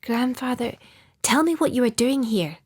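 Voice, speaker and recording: A woman's voice: on the high side, expressive, normal speed, husky, voice pushed up. A woman voicing a tough young assassin hunter, raised and urgent. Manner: urgent, commanding.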